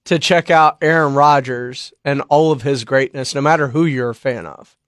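A man's voice: medium pitch, normal speed, a bit bright, no room sound, clean studio sound. A man co-hosting a sports talk radio show, mostly chiming in with short comments. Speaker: radio co-host. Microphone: studio mic.

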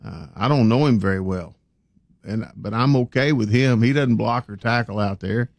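A man's voice: lowish voice, moderate pace, vocal fry, no room sound. Plain-spoken male sports talk host, dry sound. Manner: plain-spoken, folksy, opinionated. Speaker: sports talk show commentator.

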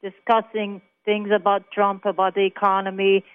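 A woman's voice: mid-range voice, completely flat delivery, normal speed. Woman from Israel, radio call-in guest, emphatic chatty storyteller, tinny phone-line sound. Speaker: caller. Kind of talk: phone interview on talk radio.

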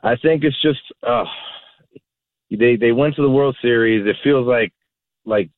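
A man calling a sports radio show over a phone line, talking casually in a halting, repetitive, exasperated way. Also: mid-range voice, no room sound. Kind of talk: casual sports fan talk. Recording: narrow, tinny phone line.

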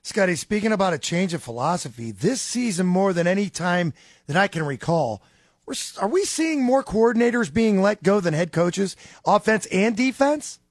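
Casual guy asking questions on a sports radio show, pretty high voice. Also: big pitch swings, moderate pace, no room sound. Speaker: radio host.

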